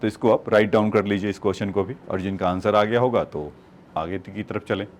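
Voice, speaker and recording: A man's voice: on the low side, fairly quick. A male physics teacher working through problems on a board, explaining each step and addressing his students as children. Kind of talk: whiteboard problem-solving lecture.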